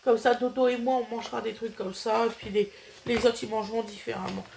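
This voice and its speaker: A middle-aged woman with a stuffy head cold chats her way through a grocery haul, pausing on fillers as she goes. Her voice sits a little high and turns gravelly at the ends of phrases, with a faint background hiss on the recording. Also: little pitch movement, a little mellow. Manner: chatty, hesitant with many fillers. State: nasal, has a cold. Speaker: vlogger showing a grocery haul. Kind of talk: casual chatty haul vlog.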